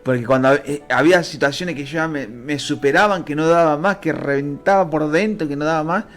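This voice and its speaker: A Rioplatense Spanish man delivers a fervent Bible teaching, his voice sitting a bit high and swinging between low and high pitch. Soft music plays under the sermon. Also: a little fast.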